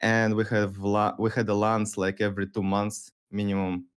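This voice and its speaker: A thirty-year-old man, a podcast guest, speaking that is not his in a halting, laid-back way with many fillers. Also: fairly low pitch, completely flat delivery, clean tone. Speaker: guest, pro gamer. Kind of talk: casual interview chat.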